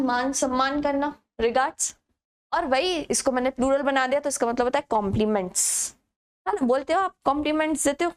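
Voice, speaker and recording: A young woman teaching a grammar lesson to exam students, explaining patiently and answering her own questions to the class. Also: sits high.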